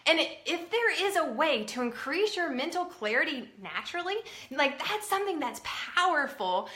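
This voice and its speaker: A woman in her thirties talks casually and cheerfully to camera from home, full of fillers and asides. Her voice is bright and a touch high. The room around her rings with echo. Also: very animated, normal speed. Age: 30s. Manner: chatty, upbeat, many fillers. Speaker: vlogger. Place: at home indoors.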